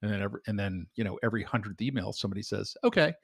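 A man's voice: on the low side, little pitch movement, rapid-fire, creaky, breathy edge, no echo, clean studio sound. A middle-aged man co-hosting a podcast, talking bluntly and with profanity in casual chat and telling stories. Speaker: podcast co-host.

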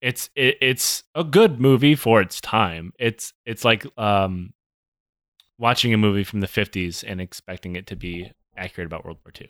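A man's voice: on the low side, moderate pace, a bit bright, no room sound. Joking, profane man. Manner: jokey, profane, rambling with many fillers. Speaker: podcast co-host. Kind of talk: casual history podcast chat.

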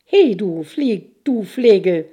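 A woman reading aloud voices a wise young princess and sorceress, commanding and sharp in her words. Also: a little high, animated, measured pace, lo-fi sound. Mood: stern.

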